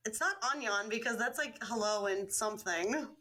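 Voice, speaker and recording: A woman's voice: fairly high pitch, moderate pace, sharp tone. A woman in her twenties co-hosting a casual podcast, emphatic and dramatic, swearing for effect. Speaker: podcast co-host.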